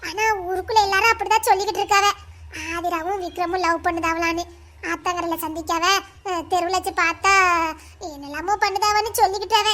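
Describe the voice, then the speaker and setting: Woman playing a gossiping village girl, hushed and confiding, lower voice. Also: steady tone, quick pace. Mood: gossipy. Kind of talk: amateur village drama.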